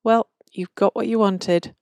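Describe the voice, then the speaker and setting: A woman reading a story, voicing a gruff, menacing man dressed as Santa who moves from mock kindness to growled threats. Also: medium pitch, fairly even intonation, a little slow, darkish tone, no room sound, clean studio sound, close to an everyday voice.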